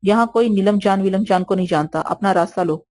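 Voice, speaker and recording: A woman reading an audio novel, voicing a sharp-tongued courtesan who scolds in a mocking, theatrical way. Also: medium pitch, close to an everyday voice. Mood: scolding.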